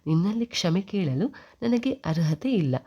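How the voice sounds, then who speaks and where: A woman's voice: on the low side, expressive, moderate pace, mellow, breathy edge, highs cut off. A woman voicing a grieving, remorseful widowed sister-in-law who speaks in tearful pleas. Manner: tearful pleading.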